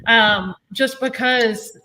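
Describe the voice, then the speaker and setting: A woman's voice: fairly high pitch, very slow, pushed and bright. Chatty woman, convention director. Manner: chatty, laughs often. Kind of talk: casual interview chat.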